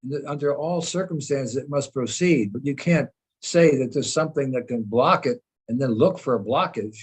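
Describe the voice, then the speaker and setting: A man's voice: mid-range voice, normal speed, husky. A man speaking firmly and emphatically on a video call, correcting others and laying down religious doctrine. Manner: firm, emphatic, lecturing.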